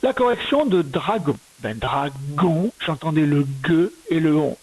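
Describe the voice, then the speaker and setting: Captured on a rough recording, this lesson features a woman whose low-pitched, slightly mellow voice is very animated. As a primary school teacher, she patiently sounds out words syllable by syllable so a young child can learn to read and spell, keeping her dictation slow.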